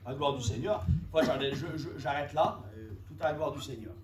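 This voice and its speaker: A man preaching a sermon, emphatic and repetitive, rising to shouts at the high points. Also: brisk, noisy background. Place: church. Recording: echoey church room from a distance.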